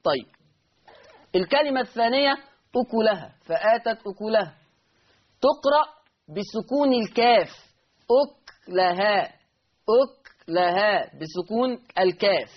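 A man's voice: high voice, animated, moderate pace, pauses often, dull audio. A man with an Egyptian Arabic accent teaching Quran recitation rules in an online lesson, repeating key terms and answering his own questions.

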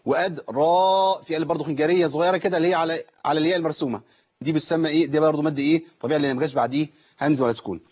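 A man with an Egyptian accent teaching Quran recitation rules on a call-in broadcast, quizzing listeners in rapid explanations and reciting verses slowly in a melodic chant. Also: fairly high pitch, steady tone, husky, highs cut off. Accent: Egyptian Arabic. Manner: quick explanatory chatter with question-and-answer drills, slow melodic recitation. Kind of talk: tajweed lesson on a call-in broadcast.

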